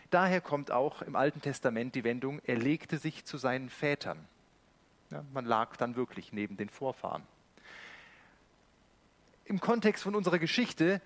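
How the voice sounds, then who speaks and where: Man, pastor, sermon, explanatory, earnest, slightly high voice. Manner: explaining, then earnest appeals.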